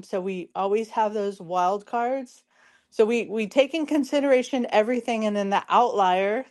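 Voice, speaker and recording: A woman hosts a casual commentary show with a hoarse, strained voice that sounds worn out. She explains things informally, step by step, and talks straight to the people listening. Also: medium pitch. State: hoarse, losing her voice. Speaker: show host.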